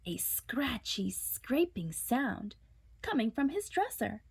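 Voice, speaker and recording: Animated, high-voiced woman reading a storybook. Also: slow, breathy edge. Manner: dramatic, suspenseful, with hushed whispered words. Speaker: children's storyteller. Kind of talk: expressive picture-book read-aloud.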